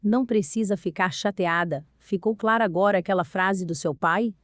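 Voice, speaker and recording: Patient storybook mother, read by a woman, calm and reassuring, dry close sound. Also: medium pitch, no echo, natural voice. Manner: gentle, reassuring, explaining slowly. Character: a loving, patient mother explaining to her daughter.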